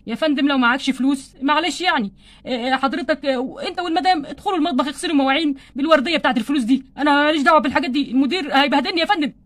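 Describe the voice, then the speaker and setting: A polite, formal male waiter from a doll play, voiced by a woman, with an Egyptian accent. He is courteous but impatient. He speaks at a very quick pace in a high register. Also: fairly bright tone. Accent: Egyptian Arabic.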